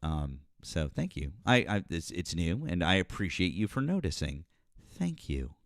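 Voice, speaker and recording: Low-voiced man rambling on a live stream. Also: very animated, normal speed, dry recording, studio quality. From northeastern United States. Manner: rambling, repeats words while searching. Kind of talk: casual live stream chat.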